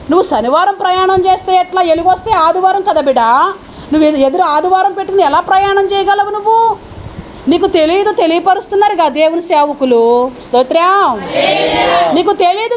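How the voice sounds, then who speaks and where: A woman's voice: very high-pitched, slight background noise. A woman pastor preaching a fervent sermon and firing questions at the congregation. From India.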